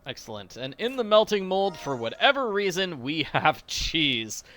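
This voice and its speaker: A man's voice: a little high, sing-song, moderate pace, sharp tone. A man hosting a game walkthrough with casual, playful, jokey commentary.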